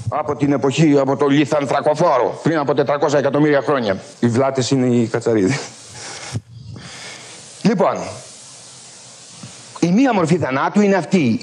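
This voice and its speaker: A middle-aged man, a philosophy professor, delivering a lecture in an animated, emphatic storytelling manner, with a husky voice. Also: mid-range voice. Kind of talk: university-style lecture. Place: lecture hall at a military school.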